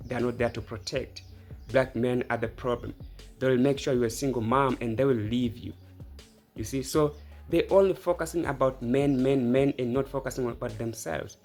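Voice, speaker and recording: A man's voice: mid-range voice, darkish tone. An opinionated man talks straight to the viewer in a loose, casual way and reacts to clips. Music plays faintly behind him. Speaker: commentary channel host. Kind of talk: reaction commentary.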